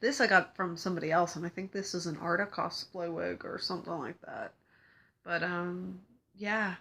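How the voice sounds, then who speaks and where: Young female vlogger, stuffy from a cold, chatty and giggly, bright tone. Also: on the low side, moderate pace, vocal fry, husky. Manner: rambling, giggly, lots of fillers. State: congested from a cold. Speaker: cosplay vlogger. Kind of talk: casual chat to camera.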